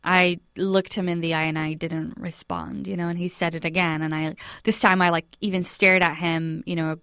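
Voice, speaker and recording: A woman's voice: lowish voice, level tone, moderate pace, a bit bright, clean tone, dry recording, clean studio sound. A woman from Iraq, in her thirties, telling her personal story as an interview guest, earnest and reflective with many restarts.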